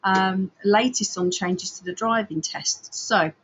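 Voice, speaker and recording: A woman host explains things informally to listeners in a hesitant, rambling way, with a creaking chair. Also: mid-range voice, takes it slowly, slight background noise. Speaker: host of a driving forum discussion. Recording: dull, lo-fi sound, creaky chair.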